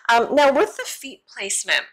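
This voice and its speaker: Young woman, bright forward voice, casual yoga-teacher delivery, encouraging and informal, for an instructional demo. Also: high-pitched, big pitch swings, moderate pace.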